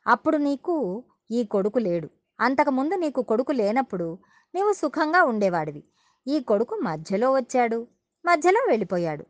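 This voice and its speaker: A woman voicing a wise old male sage who questions gently and speaks in a measured way. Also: fairly high pitch, sing-song, dry recording. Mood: counseling.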